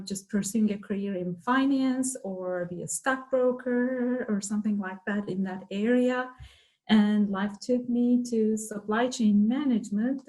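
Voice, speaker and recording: A woman's voice: mid-range voice, dark tone, low-quality recording. A middle-aged woman from Turkey, a professor, explaining her field in an interview with frequent fillers. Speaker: guest, professor. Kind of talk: interview conversation.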